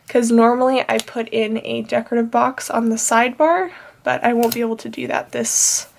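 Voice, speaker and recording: A young planner vlogger with a slightly high, creaky voice sounds nasal and stuffed-up from allergies. She chats casually in a plan-with-me session, rambling with fillers as she plans.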